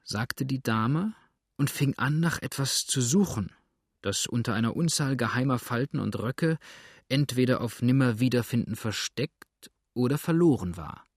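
Brief: male audiobook narrator, measured storytelling, mid pitch, very dry room. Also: expressive, slightly rough, no echo. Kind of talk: scripted narration.

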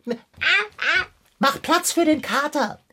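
A woman's voice: high voice, expressive, slow, fairly bright tone, heavily acted. A woman voicing a pompous male pirate cat in a children's radio play, speaking in stiff, old-fashioned phrases.

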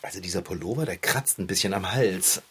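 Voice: low voice, slightly rough. A performer playing a carefree, chatty bike mechanic in a children's TV comedy, talking easily and laughing often. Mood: relaxed. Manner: chatty, easygoing, quick to laugh.

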